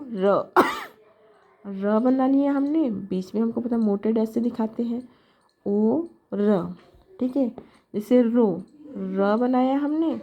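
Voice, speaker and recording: Slow, patient woman teaching. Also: medium pitch. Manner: slow, patient, repeats each letter aloud. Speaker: shorthand teacher. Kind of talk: step-by-step classroom explanation. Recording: dull lo-fi sound with faint noise.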